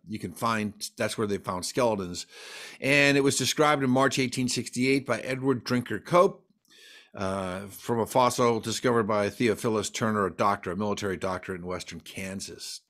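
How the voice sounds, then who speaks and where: A man's voice: medium pitch, a bit bright. A man presenting a folklore talk at a library, walking through slides in a chatty, digressive way with wry asides. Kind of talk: slide lecture.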